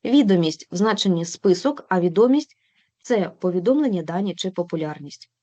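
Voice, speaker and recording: Measured woman giving a language lesson. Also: on the low side, lively intonation, warm tone, dry recording. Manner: measured, clear enunciation of word pairs. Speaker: lecturer in an online teacher training session. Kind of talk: instructional presentation, read from notes.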